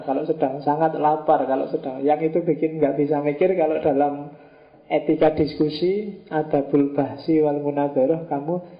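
A man's voice: a little high, vocal fry. Man lecturing in a roomy hall. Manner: chatty, joking, rhetorical questions. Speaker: philosophy lecturer. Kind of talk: casual lecture. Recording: roomy, dull lo-fi lecture recording.

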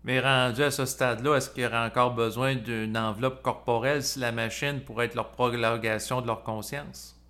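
A man, leading a casual discussion in a measured, hesitant way with frequent pauses. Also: mid-range voice, steady tone, pushed and bright. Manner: measured, hesitant, restarts with "euh".

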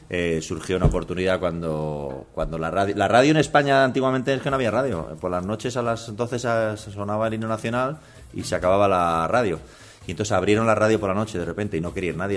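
A man in his sixties from Madrid with a Peninsular Spanish accent, a radio guest telling stories playfully with rambling asides. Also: lowish voice. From Madrid, Spain. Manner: playful storytelling, acts out quoted voices, rambling asides. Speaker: guest author and radio humorist. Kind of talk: casual radio interview chat.

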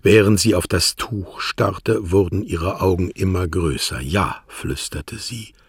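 Slow, deep-voiced male narrator. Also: husky, no room sound, clean studio sound. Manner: measured, even reading. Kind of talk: scripted literary narration.

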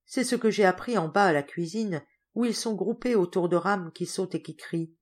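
A woman's voice: fairly low pitch, moderate pace, a little mellow, lightly acted. A woman voicing a stern middle-aged uncle who speaks formally and reprovingly.

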